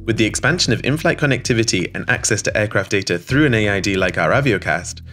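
Polished low-voiced male corporate narrator. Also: expressive, fast. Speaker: voice-over narrator. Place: studio voice-over. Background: soft background music.

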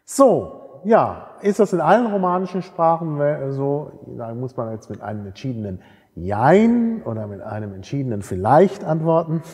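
A man's voice: mid-range voice, sing-song, normal speed, a little mellow, breathy edge. Lecturing man in a reverberant hall. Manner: explanatory, frequent tag questions and fillers. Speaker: university lecturer. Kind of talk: university lecture.

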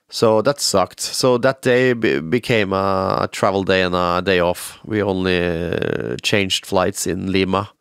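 A podcast host who also plays in a band gives a solo update, rambling through news with many fillers and sounding nasal from a cold-stuffed nose. His deep, resonant voice has vocal fry and comes through clear on a dry, clean studio recording.

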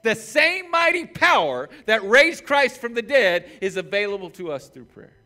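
A male pastor in his forties preaching with a high, ringing voice. He pushes hard on his points and then drops to a hushed tone to pray. Faint music sits underneath him on the church stage. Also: big pitch swings, moderate pace. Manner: impassioned, swings from shouting to hushed prayer. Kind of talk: sermon.

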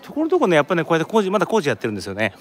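A man's voice: fairly high pitch, wildly swooping pitch, very fast, a little hiss or hum. A man from Japan chatting casually on a live stream while walking around an outdoor tourist site, rambling and answering viewer comments. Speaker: live streamer, office worker in Korea.

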